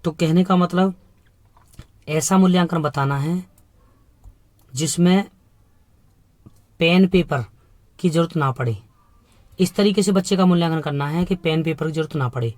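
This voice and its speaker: A man's voice: on the high side, unhurried, long pauses, a little mellow, no echo. A man teaching an exam-prep lesson in Hindi mixed with English terms, asking rhetorical questions and repeating key points with emphasis.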